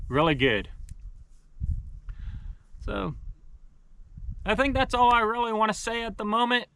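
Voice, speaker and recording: A man hosts a casual vlog in a bright, clean voice pitched a little high. He talks straight to viewers, explaining things at an unhurried, conversational pace. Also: big pitch swings, smooth. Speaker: vlog host showing own cabin property.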